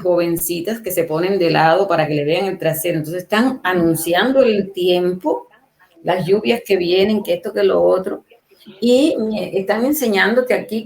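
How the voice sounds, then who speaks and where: Emphatic woman in her sixties. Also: mid-range voice. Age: 60s. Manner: emphatic, asks the audience rhetorical questions. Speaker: guest on a livestream interview. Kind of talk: casual opinionated talk.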